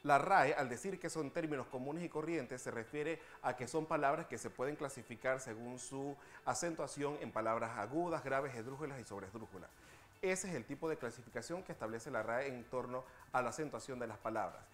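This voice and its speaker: A man hosting a TV language segment, patiently explaining spelling rules and slowing down to spell out examples. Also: mid-range voice, a bit bright.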